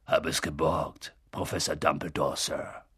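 A man voicing a huge, gruff, kind-hearted male giant who talks roughly and plainly in an audiobook. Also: rumbling low, flat delivery, measured pace, fairly bright tone, no room sound, studio quality, pitched below the performer's own voice, exaggerated voice.

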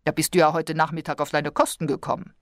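A woman's voice: deep voice, steady tone, fast talker, no room sound, studio quality, lightly acted. A woman voicing a skeptical, dryly amused husband who mocks his wife's worries.

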